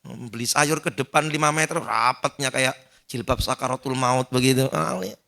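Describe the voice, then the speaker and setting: In a mosque at dawn, a male preacher gives an animated sermon, acting out shouted pleas and joking with the congregation. His voice is mid-range and creaky, and he speaks at normal speed.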